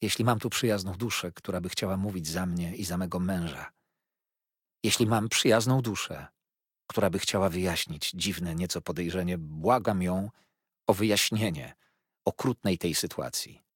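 A man voicing a gentle young wife who speaks softly and imploringly. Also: low-pitched, normal speed, slightly rough, no echo, clean studio sound. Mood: pleading. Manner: soft, imploring.

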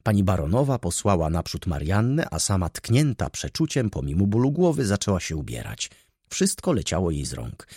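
A man reading a classic novel aloud as narrator, in measured, expressive scripted narration. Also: low voice, slightly rough, no echo, clean studio sound. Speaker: audiobook narrator.

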